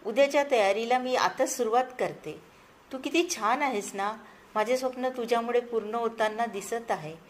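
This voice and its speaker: A woman voicing a chatty, ambitious young woman who dreams of modeling, talking in an excited, gushing way. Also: a little high, normal speed, natural voice.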